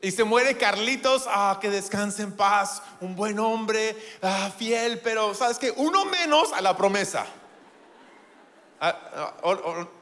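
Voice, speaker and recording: A man preaching a sermon in an animated, playful way, with self-deprecating humor. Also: sits high, slow pace, hardly any pauses, long reverb tail.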